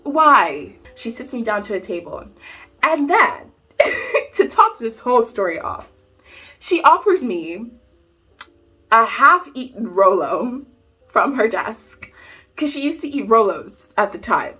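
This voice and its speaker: A young adult woman vlogger telling a personal storytime in an animated way, laughing often. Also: on the high side, unhurried, pauses often, breathy edge. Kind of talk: storytime vlog.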